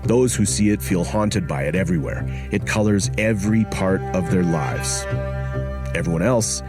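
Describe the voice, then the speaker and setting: A man hosting and narrating a documentary podcast in a grave, measured tone, recorded on a studio mic. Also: sits low, music in the background.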